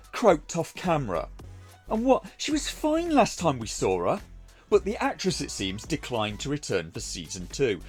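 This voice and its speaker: A man's voice: medium pitch, darkish tone. Guy doing a sarcastic scripted review, voice goes up and down loads, bit of music behind. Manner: mocking, sarcastic. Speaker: video reviewer.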